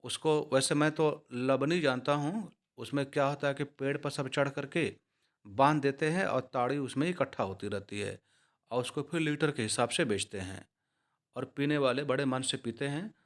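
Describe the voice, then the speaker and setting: A man's voice: medium pitch, moderate pace. A man giving a casual lesson on Hindi words found in English, spelling words out letter by letter and talking straight to his viewers. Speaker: teacher explaining Hindi words used in English.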